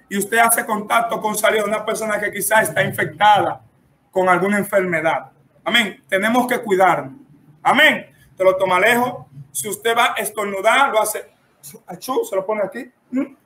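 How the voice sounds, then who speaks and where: A Dominican-accented man preaches and instructs in an emphatic style, sprinkling his talk with amens. His voice sits high and bright, with a forceful edge. The sound carries the echo of a roomy church. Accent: Dominican Spanish. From Dominican Republic. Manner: emphatic, punctuates phrases with frequent amens. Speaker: preacher teaching church etiquette. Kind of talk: instructive preaching to a live-streamed audience. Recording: echoey room.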